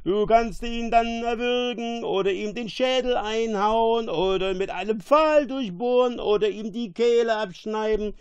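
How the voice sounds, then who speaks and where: A brutish drunken monster, voiced by a male reader, bellowing and fawning in a high, strained, loud voice. He grovels and roars by turns, a storybook creature in a close, dry recording. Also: a little slow, hardly any pauses, clean tone, dry recording, lo-fi sound. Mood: bloodthirsty.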